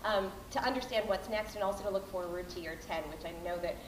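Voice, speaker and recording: A Canadian woman in her thirties gives a casual, bubbly announcement in an everyday voice of middling pitch. She fills her talk with ums and likes. She is caught by a distant camera in a large, reverberant hall with faint background hiss. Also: fast talker. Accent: Canadian English. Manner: bubbly, chatty, many fillers. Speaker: board chair announcing grants. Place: large hall with a mural, indoors. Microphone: far camera, no microphone.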